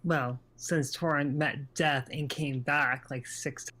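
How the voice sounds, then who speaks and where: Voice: mid-range voice, fairly even intonation, takes it slowly, sharp tone. A player in a tabletop game with a self-mocking way of talking.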